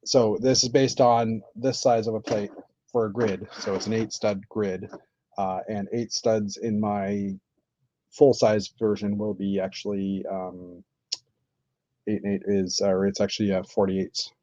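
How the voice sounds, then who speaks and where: A man chatting casually on a live stream while building, thinking aloud with many pauses and fillers. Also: lowish voice, level tone, warm tone, no echo. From Canada. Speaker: streamer building with toy bricks. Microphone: computer mic on live stream. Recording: dull lo-fi stream audio.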